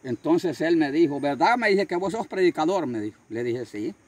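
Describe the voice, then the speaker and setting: An older man, a street preacher, telling his story in a husky voice with fervent repetition and acted-out voices. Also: fairly high pitch, animated, moderate pace, a little mellow. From Honduras. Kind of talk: storytelling interview.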